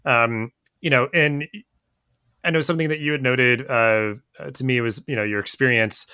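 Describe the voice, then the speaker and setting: A man's voice: mid-range voice, moderate pace, smooth, no echo, studio quality. Laid-back man hosting a podcast. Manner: relaxed, many filler "uh"s. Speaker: podcast host. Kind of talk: casual podcast interview.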